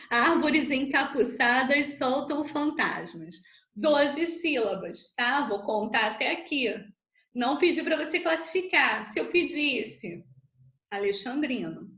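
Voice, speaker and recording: A woman's voice: high-pitched, lively intonation, slow, fairly bright tone, reverberant. A Brazilian woman teaching an online literature class, explaining patiently and checking in with tag questions as she counts syllables aloud. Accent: Brazilian Portuguese.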